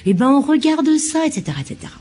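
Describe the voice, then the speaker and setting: A husky-voiced woman voicing a tender mother who soothes a sad baby in singsong baby talk. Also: sits high, very animated, very fast, a little mellow, voice pushed up. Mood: cooing.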